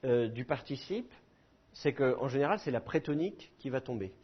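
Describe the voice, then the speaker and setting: Husky man lecturing a class. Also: medium pitch, expressive, normal speed, lo-fi sound. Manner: explanatory, repeats key points, many fillers. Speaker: Hebrew teacher.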